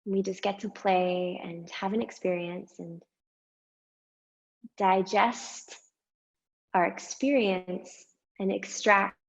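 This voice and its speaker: A woman guiding a meditation and breathing exercise, speaking slowly and softly with long pauses. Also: mid-range voice, creaky, dull audio. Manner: slow, soft and unhurried with long pauses. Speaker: meditation guide. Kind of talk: guided meditation.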